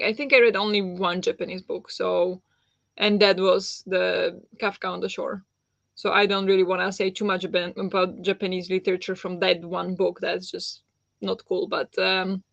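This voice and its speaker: Reading viewer comments aloud on a book live stream, a woman whose native language is Slovak replies in a warm, chatty manner full of fillers and light laughter. Her gravelly voice sits at a middling pitch and a moderate pace, recorded dry and slightly dull with no echo, like a basic home setup.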